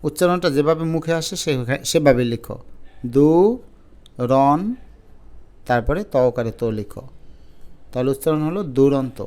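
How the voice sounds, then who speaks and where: A man teaching an exam-prep lesson, pronouncing each word slowly syllable by syllable to model it. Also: mid-range voice, a little mellow. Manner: drawn-out slow syllables when modelling words.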